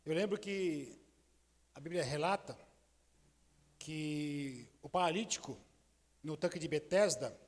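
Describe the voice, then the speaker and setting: High-voiced preaching pastor in echoing hall. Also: male voice, slow, pauses often. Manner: impassioned preaching, swinging between loud declarations and hushed, intimate asides. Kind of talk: sermon. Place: church sanctuary.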